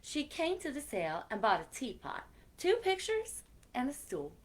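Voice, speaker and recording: Reading to young children with animated expression, a woman breaks off now and then to chat with them directly. Her voice sits high and swoops wildly in pitch at a moderate pace.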